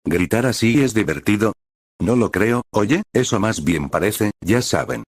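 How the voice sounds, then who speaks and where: Un hombre haciendo de villano joven y burlón, lectura plana, voz bien grave. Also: male voice, lowish voice, lively intonation, unhurried, dry recording, clean studio sound.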